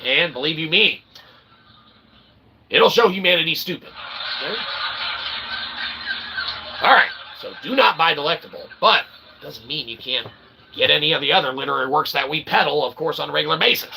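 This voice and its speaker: An independent channel host delivers a rambling, self-promotional monologue in a voice on the high side, over a noisy background. He's sarcastic and self-mocking and keeps asking "okay?".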